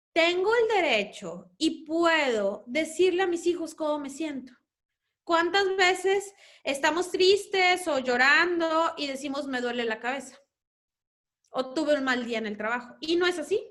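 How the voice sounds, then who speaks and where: This is a woman with a Mexican accent and a high voice giving a talk to parents on family life. She speaks as a mother herself, explaining her points and acting out what children say at home. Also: lively intonation, measured pace, a bit bright. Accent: Mexican Spanish. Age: adult parent.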